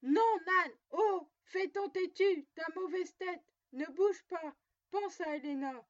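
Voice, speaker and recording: A woman voicing a desperate young girl climbing a rock wall who shouts urgent commands. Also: sits high, normal speed, natural voice. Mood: urgent shouting. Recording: dull lo-fi recording.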